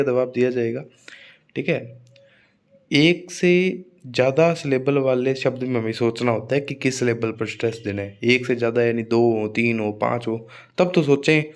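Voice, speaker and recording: Hindi-speaking man teaching English word stress. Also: a little high. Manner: repeats example words slowly, drawn out; frequent "theek hai" check-ins. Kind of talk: exam-prep lesson on word stress.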